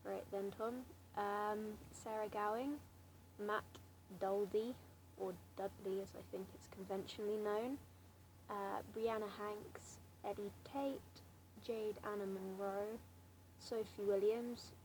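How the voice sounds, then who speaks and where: A woman's voice: mid-range voice, steady tone, slow, a little mellow. Teen girl w southern english accent rambling to camera, kinda unsure and self-mocking, noisy home recording. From Slough, England. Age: late teens, seventeen. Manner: hesitant, self-deprecating, wry. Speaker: amateur vlogger answering a challenge. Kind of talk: casual rambling chat to camera.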